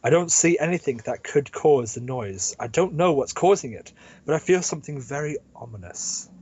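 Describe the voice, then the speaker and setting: A man's voice: fairly high pitch, expressive, normal speed, darkish tone, slightly rough, dull audio. A man reading a visual novel aloud with a friend, breaking off into jokes and frequent laughter. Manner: laughs often, joking asides. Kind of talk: casual read-along with banter.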